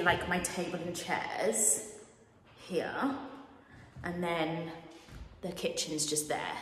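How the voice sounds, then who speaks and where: A woman in her thirties giving a playful, chatty vlog tour of her empty new house, filmed on a phone. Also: on the low side. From England. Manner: chatty, playful, lively tour-guide banter. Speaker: vlogger. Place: empty house with bare rooms and wood floors. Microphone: phone held at arm's length and on a tripod. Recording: echoey empty rooms, noticeable noise.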